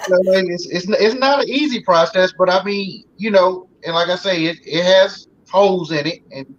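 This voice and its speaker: On a casual talk show, a high-voiced male guest in his forties speaks at a moderate pace, folksy and loose, packing his talk with fillers. The recording comes across slightly dull, with faint noise.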